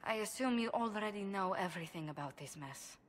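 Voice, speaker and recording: A woman's voice: mid-range voice, animated, brisk, natural voice. Woman as Josephine, a gracious diplomat in a reverberant hall. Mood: earnest, diplomatic. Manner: polite, formal, articulate. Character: refined, diplomatic noblewoman adviser, earnest and gracious. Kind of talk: scripted video game cutscene acting. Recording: long hall reverb, faint background ambience.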